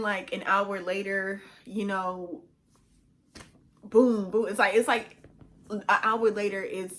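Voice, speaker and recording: A woman recounts her own story straight to the camera in a candid, conversational way. Her talk halts often, with many fillers and restarts, at a middling pitch for a woman. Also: fairly bright tone. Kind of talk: personal storytelling monologue.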